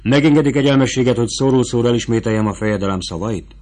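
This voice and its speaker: A man's voice: mid-range voice, a little mellow, natural voice. A man reading as a fawning, scheming court prosecutor. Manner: wheedling and eager to bargain.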